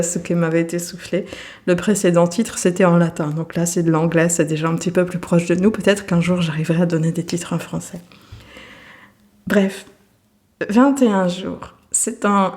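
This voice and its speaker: A woman yoga teacher hosting her podcast, speaking gently and thoughtfully with frequent hesitations and soft laughs. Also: fairly low pitch. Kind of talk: reflective podcast monologue.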